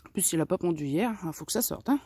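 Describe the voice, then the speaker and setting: A woman's voice: lowish voice, lively intonation, quick pace, dark tone, breathy edge. A woman casually explaining her chicken coop and garden work outdoors, chatty and step by step, with many tag questions. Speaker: vlogger keeping chickens and a garden.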